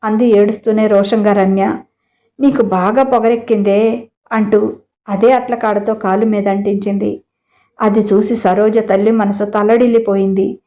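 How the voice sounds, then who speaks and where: A woman's voice: medium pitch, mellow. A woman narrating a family drama story, reading every character's lines in her own voice. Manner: reads all characters in one plain voice. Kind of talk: storybook narration with acted dialogue. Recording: dull lo-fi recording.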